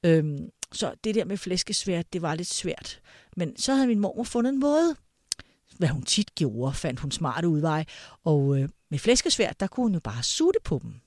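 A woman with a fairly low voice telling a family story aloud. She talks casually and hesitantly, often pausing on fillers. The sound is dry and close. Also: sing-song, darkish tone, no echo. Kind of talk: personal anecdote told aloud.

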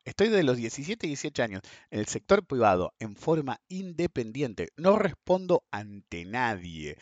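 A man's voice: mid-range voice, fairly bright tone, no echo. Sarcastic Argentine man in his fifties. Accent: Argentine Spanish (Rioplatense). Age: 50s. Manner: sarcastic, blunt, swears freely. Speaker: podcast host. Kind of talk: opinionated monologue.

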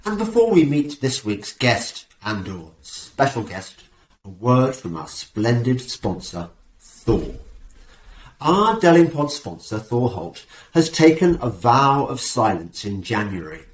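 An English podcast host with a lively voice that swings up and down a lot. He jokes and teases as he talks. The sound rings around a roomy, echoey space. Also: medium pitch, slow pace. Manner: lively, jokey, sarcastic. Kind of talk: casual chat and read advert. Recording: roomy echo.

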